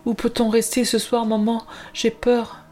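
A woman reading a storybook and voicing a frightened young girl in a high, pleading voice. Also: monotone, measured pace, a little mellow, close to an everyday voice. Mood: scared. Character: frightened young girl clinging to her mother.

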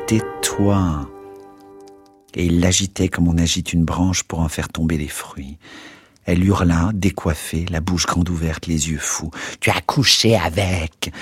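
A man hosting a radio reading, telling a novel aloud in a measured, theatrical way. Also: low-pitched, a little mellow, husky. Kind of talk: dramatic literary reading.

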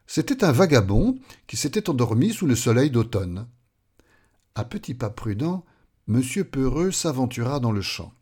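A man reading a children's story aloud in an expressive, playful way. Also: mid-range voice, normal speed, slightly rough.

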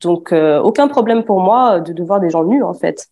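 A woman's voice: lowish voice, animated, normal speed, warm tone. Young woman in her 20s from afghanistan telling her own story, lots of ums and restarts. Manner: hesitant, many fillers and restarts. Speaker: guest giving testimony. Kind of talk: spoken personal testimony.

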